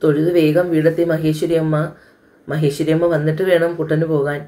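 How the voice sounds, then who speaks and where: A woman storyteller giving a calm, even, scripted narration of an audio love story. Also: sits low, fairly quick.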